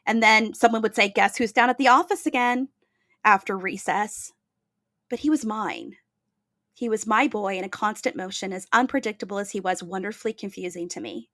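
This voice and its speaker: A woman's voice: medium pitch, fairly bright tone, no room sound, studio quality. A woman hosting a podcast, telling a reflective story in an earnest, emphatic way. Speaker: podcast host.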